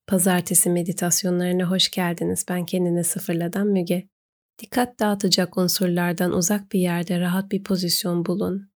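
A woman narrating a guided meditation, giving gentle, unhurried instructions with pauses. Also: fairly low pitch, little pitch movement.

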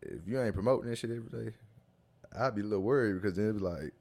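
Young male guest, very deep voice, slangy and loose, laughs through his stories. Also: racing, vocal fry, a little mellow. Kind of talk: casual storytelling chat.

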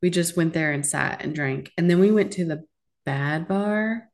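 A woman in her forties co-hosting a podcast, telling stories in quick casual chat and laughing as she goes. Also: on the low side. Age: 40s. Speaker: podcast co-host.

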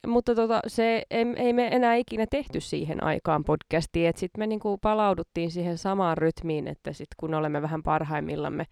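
Chatty woman with a low, smooth voice. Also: fairly even intonation, hardly any pauses, darkish tone, dry recording, studio quality. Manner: laughs often while talking, chatty and self-mocking. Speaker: podcast host. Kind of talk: casual podcast chat.

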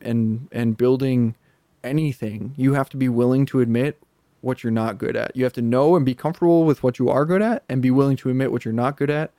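Chill guy cohosting a podcast, soft mellow voice, dry close sound, rambles easy and laughs a lot. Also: mid-range voice, no room sound. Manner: easygoing, talkative, laughs between points. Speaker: podcast co-host and hypertrophy coach. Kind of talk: casual chat.

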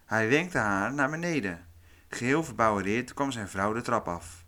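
A man hosting a podcast, reading a scripted true-crime narration in a calm, measured way. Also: mid-range voice. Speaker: podcast host.

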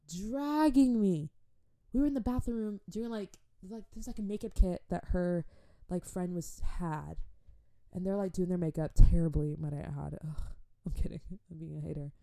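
A woman in her twenties casually telling a babysitting story, animated, with slangy asides and frequent laughter. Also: fairly low pitch, moderate pace, gravelly. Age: 20s. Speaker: vlogger.

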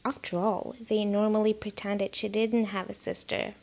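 A woman narrating a story aloud in a whispered role-play, soft and unhurried. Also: medium pitch, flat delivery, gravelly. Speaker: audiobook narrator.

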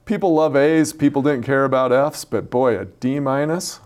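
A man's voice: mid-range voice, moderate pace, a little mellow. A middle-aged man and former coach co-hosting a casual podcast, playful and teasing as he tells stories.

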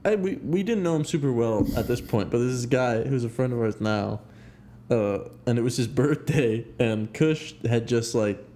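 A young man co-hosting a casual podcast, telling animated stories and acting out quotes with loud laughter. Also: mid-range voice, moderate pace, slight background noise. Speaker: podcast co-host. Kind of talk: casual chat.

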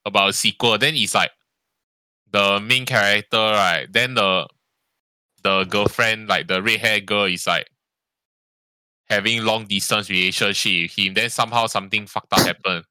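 A man's voice: on the low side, fairly even intonation, moderate pace, sharp tone, clean tone, no room sound. A man in casual podcast chat, rambling and tagging sentences with "lah". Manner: rambling, frequent "lah" and "ah" tags, swears. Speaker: podcast co-host.

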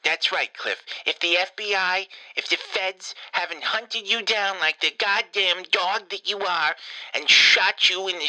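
A rambling, foul-mouthed old grandmother, as a man puts her on leaves a long voicemail in a very bright, sharp voice. She swings between doting pet names and cursing in the same breath. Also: sits high, poor audio. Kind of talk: comedic prank voicemail.

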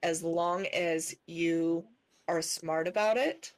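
A woman's voice: on the low side, fairly even intonation, slow pace, a little hiss or hum. A woman in a casual podcast chat, sharing practical tips in a chatty way.

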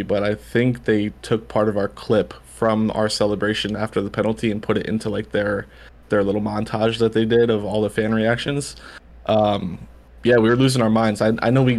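A man, chatting casually as a podcast guest, rambling with lots of fillers and restarts. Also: fairly low pitch. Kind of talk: casual chat.

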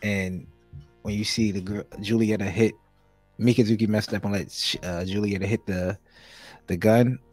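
A young man co-hosting a casual podcast, talking in relaxed, slangy banter. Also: lowish voice, normal speed, no echo, faint music behind. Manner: laid-back slangy banter. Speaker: podcast co-host. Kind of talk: casual chat.

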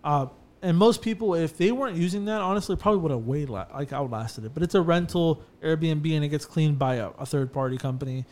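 A man's voice: fairly high pitch, fairly quick, few pauses. A man who runs a bathtub refinishing business, chatting casually on a podcast and telling stories with lots of fillers and restarts. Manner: animated storyteller, many fillers and restarts.

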